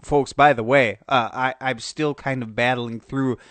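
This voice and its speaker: A man's voice: medium pitch, steady tone, unhurried, fairly bright tone, no room sound. A man with a cold and a nasal voice, hosting casual sports talk commentary with many restarts. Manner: rambling, many restarts and fillers. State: congested with a cold. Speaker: podcast host.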